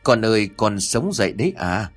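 A man's voice: on the low side, big pitch swings, normal speed, husky, soft background music. A man voicing a frantic old father who cries out and pleads in grief over his son. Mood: wailing. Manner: wailing, desperate cries.

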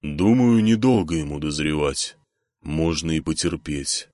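A man voicing a calm, unhurried elderly village elder in an audiobook. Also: rumbling low, dry recording, studio quality.

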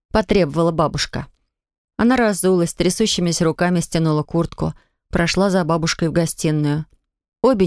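A woman narrating an audiobook in a calm, even storytelling manner. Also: low voice, no echo, clean studio sound. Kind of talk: scripted narration.

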